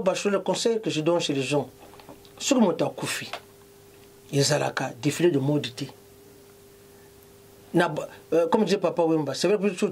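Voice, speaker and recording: A man's voice: fairly high pitch, darkish tone, slight background noise. A middle-aged man from Congo, a fashion designer, interviewed in a clothing shop, mixing French and Lingala with emphasis. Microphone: handheld mic held by interviewer.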